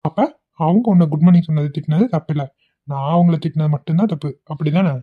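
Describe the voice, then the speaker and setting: A woman's voice: low-pitched, fast, narrow, tinny audio. A woman voicing a blunt, short-tempered young husband in a cartoon, talking in a curt, scolding way. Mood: irritated.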